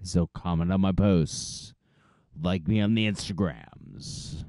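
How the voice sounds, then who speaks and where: Mellow, unhurried man chatting casually. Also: low voice, no room sound, clean studio sound. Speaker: amateur voice-over performer. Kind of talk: casual livestream chat. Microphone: microphone through a mixer.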